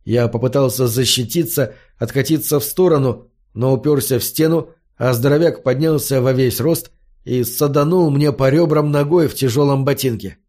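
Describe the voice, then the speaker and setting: A man reading an audiobook aloud as a steady first-person narrator. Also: mid-range voice, moderate pace.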